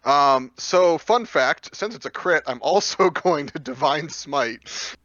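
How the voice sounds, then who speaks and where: A man's voice: fairly high pitch, animated, slow, fairly bright tone, no echo, dull audio. A man playing a tabletop game, eagerly explaining the rules in casual chat.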